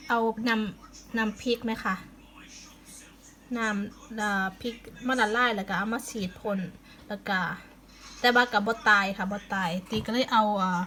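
Woman vlogger, Isan Thai accent, friendly step-by-step explainer, voice a touch high, faint hiss behind. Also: steady tone, measured pace, sharp tone, low-quality recording. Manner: chatty, explains plant care step by step. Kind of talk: casual home vlog tour.

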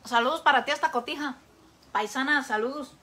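A woman's voice: high voice, brisk, pushed and bright. A Mexican woman hosting a live cooking show, chatting casually with viewers and telling folksy jokes with a laugh.

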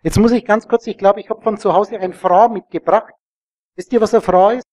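High-voiced man lecturing a live audience. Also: steady tone, a little fast, a little mellow, no room sound. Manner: rambling, explanatory, asks the audience questions. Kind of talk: live teaching talk to an audience.

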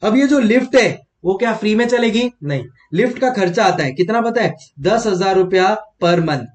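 High-voiced playful teacher. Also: male voice, expressive, moderate pace. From Mumbai, India. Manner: playful, chatty, jokes and asks students questions. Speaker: accountancy exam teacher. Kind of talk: classroom lecture with personal storytelling.

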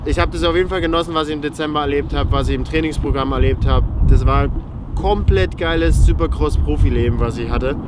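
A man's voice: fairly high pitch, quick pace, very noisy. A young man in his twenties chatting casually in a vlog outdoors at dusk, laughing often and talking in loose slang. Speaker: vlogger, supercross rider. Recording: music playing underneath. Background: loud background music.

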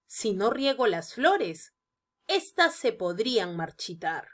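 A woman narrating a scripted grammar lesson, explaining each example slowly and deliberately. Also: medium pitch, sing-song. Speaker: teacher.

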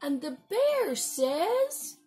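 A young woman teacher reading a picture book aloud to young children, animated, with gasps and whispered asides. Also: very high voice, very slow, soft background music.

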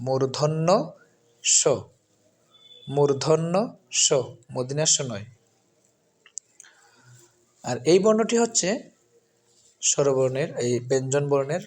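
A man, who comes from Bangladesh, teaching a lesson. He talks slowly and repeats each sound with careful stress. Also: a little high, a little mellow. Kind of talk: spoken lesson.

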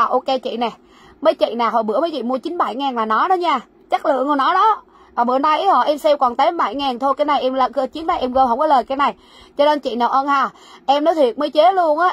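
Woman, livestream seller, husky, high voice, repeats prices and sizes. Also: a bit bright. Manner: repetitive, coaxing viewers to comment orders. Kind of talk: fast live-sale patter. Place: warehouse.

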